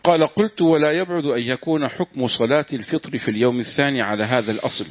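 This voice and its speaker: A man reading a classical religious text aloud to his teacher, steady, with small slips he corrects. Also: mid-range voice, fast, no room sound. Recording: dull, dry lo-fi room recording.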